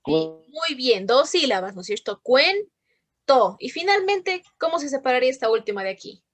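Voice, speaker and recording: A woman's voice: sits high, sing-song, fairly quick, no echo, faint music behind. A woman teaching a literature class over a video call, patient and asking questions often. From Ecuador. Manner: patient, checks in with frequent questions. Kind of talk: online class lesson.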